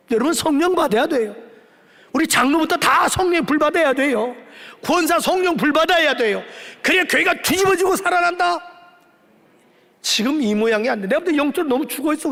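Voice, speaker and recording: High, gravelly man preaching in a hall. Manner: scolding, emphatic preaching with shouted peaks and acted-out Bible dialogue. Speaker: pastor. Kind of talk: sermon. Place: church sanctuary. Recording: church hall reverb.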